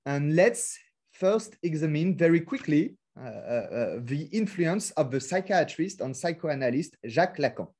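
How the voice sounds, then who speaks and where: A man's voice: fairly high pitch, expressive, normal speed, darkish tone. French-accented man giving a hesitant lecture. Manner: frequent hesitations and fillers; careful non-native phrasing. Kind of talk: academic webinar talk. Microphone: video call.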